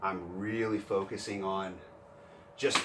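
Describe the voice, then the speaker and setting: A man explaining jiu-jitsu technique in casual instructional chat, animated and quick to act out a struggling grappler. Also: a little hiss or hum. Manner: animated, acts out panicked grappler in higher voice. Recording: roomy, distant mic with faint gym ambience.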